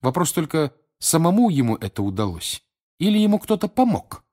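A man's voice: on the high side, sing-song, moderate pace, darkish tone, pitched above the performer's own voice. A man voicing a clever, anxious teenage schoolgirl witch in an audiobook, speaking earnestly and urgently, raised well above his own voice. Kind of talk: audiobook character voice.

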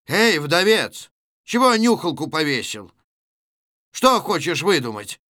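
A man's voice: on the high side, very animated, unhurried, pushed and bright, no room sound, studio quality, heavily acted. A man reading a play aloud, voicing a cynical ex-convict who lectures his neighbors. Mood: sardonic. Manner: sardonic, lecturing. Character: cynical, worldly male ex-convict, mocking.

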